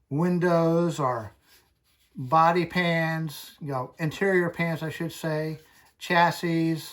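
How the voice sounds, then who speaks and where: Slow-talking man, casual hobby vlogger. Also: on the high side, fairly bright tone. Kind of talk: casual hobby tutorial vlog.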